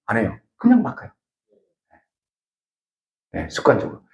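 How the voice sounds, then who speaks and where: In an echoey lecture room, a Gyeongsang-region man from South Korea lectures and tells stories, putting questions straight to his audience. His voice is lowish, creaky, and darkish, with huge pitch swings and a normal pace.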